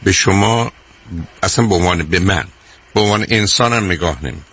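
Older man, gravelly husky advice host. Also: deep voice, a bit bright. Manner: emphatic, repetitive, calls the caller dear. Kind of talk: call-in advice talk.

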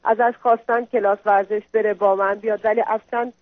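A woman's voice: medium pitch, flat delivery, dry recording. A woman, a mother, calls in to a radio advice show and speaks in an apologetic, pleading way. She defers to the host as she explains herself. Her voice comes through a tinny, dry phone line. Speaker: caller, a mother. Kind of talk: call-in conversation.

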